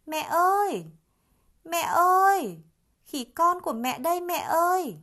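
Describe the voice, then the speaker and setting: Woman voicing a little monkey child, high childlike voice, loud, anxious, storybook. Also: lively intonation, moderate pace. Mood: calling out. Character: small young monkey child, anxious and loving.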